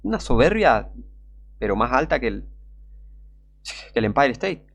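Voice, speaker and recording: A man's voice: mid-range voice, big pitch swings, a little slow, gravelly, muffled recording. A man with a Rioplatense Spanish accent preaching a fervent, scornful sermon full of rhetorical questions. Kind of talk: impassioned street-style sermon.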